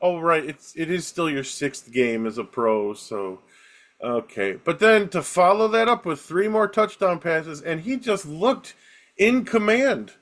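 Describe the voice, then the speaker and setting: Lively man talking football on a podcast. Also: fairly high pitch, unhurried. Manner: animated, playful, chuckling. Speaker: podcast co-host. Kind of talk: casual sports chat.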